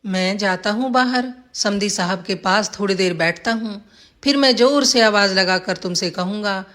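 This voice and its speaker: A woman tells a village folk tale in a plain storybook reading. Her voice sits at a middling pitch for a woman. She gives the villagers' lines only a light touch. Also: normal speed, fairly bright tone. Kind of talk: scripted story narration.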